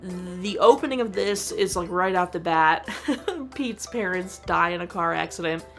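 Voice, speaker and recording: A woman's voice: lowish voice, measured pace, faint music behind. A woman hosting her own show, giving a chatty, enthusiastic movie review full of "like.". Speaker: host.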